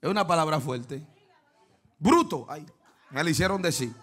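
A man preaching a fervent sermon, dropping to hushed asides and then breaking into shouts while he quizzes the congregation. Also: a little high, animated, moderate pace, breathy edge. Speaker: pastor. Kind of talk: lively Pentecostal sermon.

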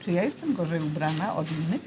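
This woman in her seventies, a retired grandmother, talks quickly in a deep, warm, sing-song voice during a casual interview. She comes across as folksy, polite yet insistent, against slight background noise.

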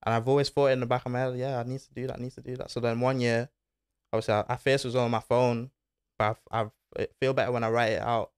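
Speaking quickly with a level tone, this young man is a footballer guesting on a podcast, relaxed and full of slang, saying "bro" and "innit." His mid-range voice sounds clean, recorded through an arm-mounted desk mic in a small studio lined with foam panels, with no room sound.

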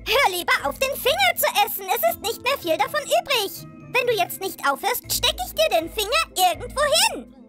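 A woman's voice: very high voice, big pitch swings, brisk. A woman voicing a chatty teenage girl vlogger in a cartoon dub, peppy and a bit bossy. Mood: irritated. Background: background music.

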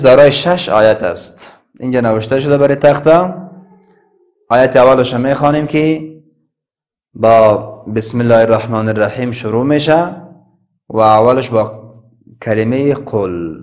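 A man with an Afghan Dari accent teaching a Quran class, spelling out letters and vowels slowly and chanting the verses. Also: mid-range voice, darkish tone. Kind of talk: classroom recitation lesson.

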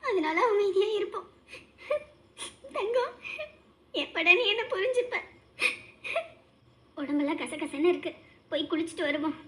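A woman voicing a cheeky, sharp-tongued old village grandmother who teases in singsong rhymes and mutters to herself, speaking with a squeaky, shrill voice. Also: lively intonation, unhurried, long pauses, slight background noise. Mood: mournful.

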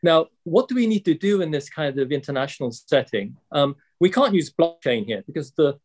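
A man in his sixties speaking as a panelist on a video call, measured and polite, with many fillers. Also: fairly high pitch, animated, darkish tone, breathy edge. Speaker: panelist, central bank economist. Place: office with logo backdrop.

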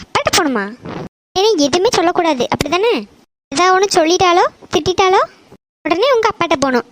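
A woman's voice: extremely high pitch, animated, slight background noise. A woman doing a scolding young mother. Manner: scolding, loud, rapid questions.

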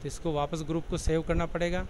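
A man with a slightly high voice walks through a computer program option by option, in a plain, explanatory way. A faint hum of background noise sits under his voice. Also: flat delivery, fast, darkish tone, rough recording. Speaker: software tutorial presenter. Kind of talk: step-by-step screen walkthrough.

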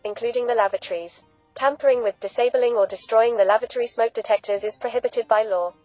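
A woman playing a polite flight attendant, giving formal, measured scripted cabin announcements in a flight simulator game. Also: fairly high pitch, darkish tone, dry recording, lightly acted.

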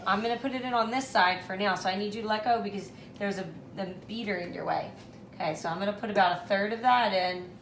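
Speaking fast in a mid-range, slightly bright voice, a woman in her thirties walks her young children through a task step by step, offering encouragement and frequent check-in questions. She's indoors in a home kitchen or dining room. The recording is echoey, with clear background noise.

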